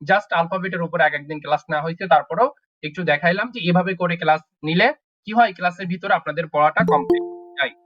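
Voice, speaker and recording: A man's voice: a little high, soft background music. Man teaching over a dull lo-fi call. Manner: slow, repetitive drilling of words. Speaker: German language teacher. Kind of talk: online class lesson. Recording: dull lo-fi online call audio.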